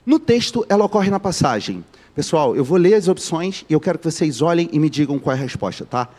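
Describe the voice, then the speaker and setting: A man's voice: a little high, lively intonation, a little fast, darkish tone. A man from Rio de Janeiro with a Carioca accent, teaching a live online class, joking and quizzing his students as he goes. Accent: Carioca Brazilian Portuguese. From Rio de Janeiro, Brazil.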